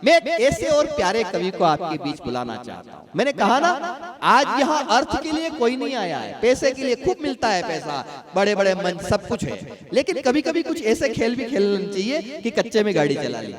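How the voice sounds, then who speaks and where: A high-pitched man anchoring a poetry night on stage, reciting couplets with feeling, his voice leaping up and down while a big crowd murmurs around him in the live hall. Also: big pitch swings, normal speed. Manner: emotional, rousing. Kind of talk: stage announcing with recited verse. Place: large live venue with audience.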